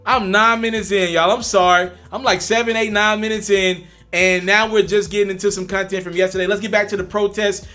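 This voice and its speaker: A young man with a high, steady voice hosts a commentary vlog, speaking fairly quickly in a pushed, bright tone over faint music. He addresses his viewers directly, hammering his points home by repeating them.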